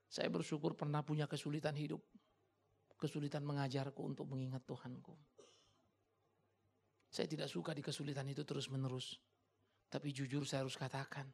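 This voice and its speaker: A man preaching a sermon as a pastor, dramatic and colloquial, swinging from hushed tones to shouting and talking straight to the congregation. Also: medium pitch, creaky, breathy edge.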